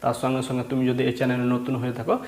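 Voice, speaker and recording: Guy teaching reading, breaks words into letters slow and patient, kinda echoey room. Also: medium pitch, monotone, darkish tone. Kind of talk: spelling out letters in a reading lesson.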